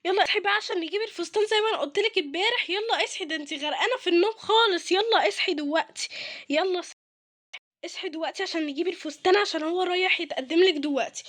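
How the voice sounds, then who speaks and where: A woman's voice: very high voice, rapid-fire, fairly bright tone. A woman voicing a caring, fussy mother with an Egyptian accent, reassuring her daughter again and again in a game role-play. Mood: urging. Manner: soothing, reassuring, repeats herself.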